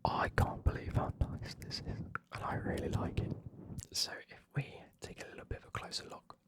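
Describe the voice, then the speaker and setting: Whispering man, ASMR unboxing. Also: moderate pace. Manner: chatty, enthusiastic, informal. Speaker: host of an unboxing video.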